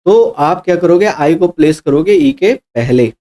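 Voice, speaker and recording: A man coaching students for an exam, his voice a little high with a soft, mellow tone. He spells tricky letter by letter, asks the class quick rhetorical questions, and catches and corrects his own slips. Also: lively intonation. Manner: explains step by step, spells words letter by letter, corrects himself. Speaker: exam English teacher. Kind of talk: explaining mock test answers.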